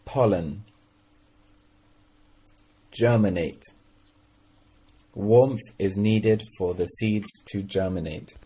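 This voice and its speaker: A man's voice: on the low side, warm tone, a little hiss or hum. A man teaching English vocabulary, leading repeat-after-me drills, checking in often with "okay?" and adding short explanations in Mandarin. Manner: slow, patient delivery with frequent "okay?" checks; mixes in brief Mandarin explanations.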